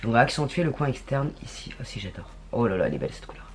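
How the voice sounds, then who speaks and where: A woman's voice: extremely low pitch, big pitch swings, very fast, creaky, background noise. A woman chatting casually through a makeup tutorial, slangy and talking to herself as she works. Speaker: beauty vlogger.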